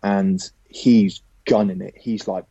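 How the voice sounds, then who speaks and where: A man, a professional footballer, telling a lively anecdote as a podcast guest, casually swearing now and then. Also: low voice, slow, vocal fry, husky, dry recording, lo-fi sound.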